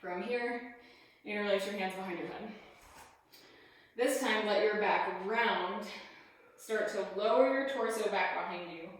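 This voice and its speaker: A woman leading a yoga class, giving calm step-by-step cues and sounding a little out of breath as she moves through the poses. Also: medium pitch, unhurried, long pauses. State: slightly out of breath. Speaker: yoga instructor. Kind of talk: guided yoga class instruction. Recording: very echoey room.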